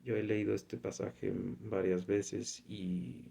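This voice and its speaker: A man's voice: fairly low pitch, level tone, slow pace, gravelly, dark tone, slightly rough. A man giving an informal Bible teaching, reading scripture aloud and commenting on it in a conversational way. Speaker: preacher.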